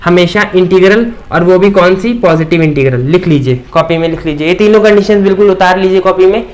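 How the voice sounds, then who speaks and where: A man's voice: high voice, a little fast, darkish tone. A man teaching a maths lecture at a board, asking the class questions and answering them himself, often checking in with "theek".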